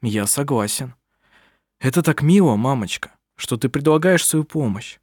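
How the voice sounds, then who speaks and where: A man's voice: mid-range voice, expressive, a little slow, a little mellow, breathy edge, no echo, clean studio sound. A man reading aloud, voicing an earnest young man who is an eager would-be sorcerer and a fond son. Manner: earnest, affectionate.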